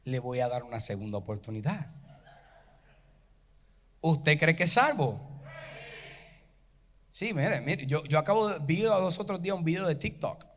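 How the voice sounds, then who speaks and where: A man's voice: on the high side, expressive, unhurried, long pauses, a bit bright. A male pastor preaching a fervent sermon to his congregation, rising into chanted preaching at the peaks. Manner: addresses the congregation directly.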